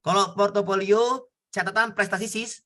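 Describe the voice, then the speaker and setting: A male tutor leads an online exam-prep session, going over points again and again and asking coaxing questions to see if students follow. His voice is high-pitched, bright and forceful, with fairly even intonation and a normal speed.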